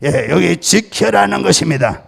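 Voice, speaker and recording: A male pastor from Chungcheong delivers a Sunday sermon with emphatic, repetitive exhortations and some light humor. His voice is strongly gravelly and sits a little high. The sound rings with a long church-hall reverb. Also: animated, moderate pace. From Chungcheong, Korea. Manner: emphatic preaching with repeated calls to believe; jokes with the congregation. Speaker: senior pastor. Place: church sanctuary.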